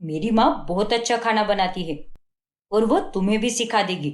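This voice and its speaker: A woman's voice: mid-range voice, moderate pace, reverberant, close to an everyday voice. A woman voicing a fault-finding young husband in a cartoon, scolding and contemptuous. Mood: scornful. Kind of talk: Hindi cartoon dubbing.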